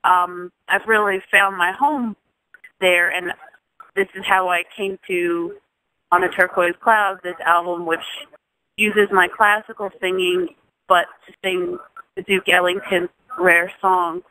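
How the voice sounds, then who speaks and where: Her voice sits lowish and steady, and she talks slowly; the recording quality is poor. She's a Jamaican singer in her thirties, being interviewed, who reflects casually with frequent restarts and gentle laughter.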